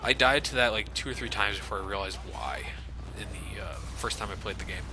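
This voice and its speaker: A low-leaning male voice talks fairly quickly, with music in the background alongside video game gunfire and ambience. He's doing casual Let's Play commentary, sarcastic and jokey, with plenty of profanity.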